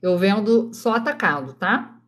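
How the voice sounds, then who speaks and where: A woman's voice: medium pitch, lively intonation, a little slow. A Brazilian woman in her thirties chats casually through a craft live stream from home at night. She talks straight to her viewers and keeps her voice down so the sleeping children stay asleep. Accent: Brazilian Portuguese. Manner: chatty, addresses viewers directly, keeps voice down for sleeping kids.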